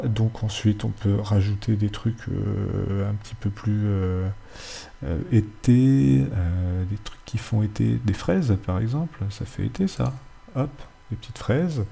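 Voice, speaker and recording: Man, rather low voice, very mellow, casual tutorial host, frequent hesitations. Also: creaky, husky. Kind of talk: screen-recorded software tutorial.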